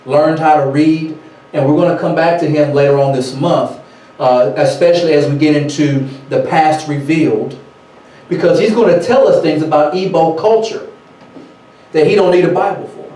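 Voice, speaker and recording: A man, teaching from scripture and history in an animated sermon style, reading passages aloud and riffing on them. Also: fairly high pitch, moderate pace. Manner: animated, reads aloud then riffs in casual speech. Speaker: teacher at a ministry. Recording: echoey hall, from far off.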